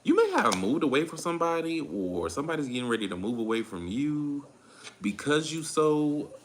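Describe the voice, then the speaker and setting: A man's voice: on the high side, huge pitch swings, slight background noise. A man with a Southern US accent giving a casual tarot reading, laid-back and a little tired, often repeating his phrases. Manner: laid-back, drawn-out, repeats phrases while calling on spirit. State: tired, drained. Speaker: tarot reader.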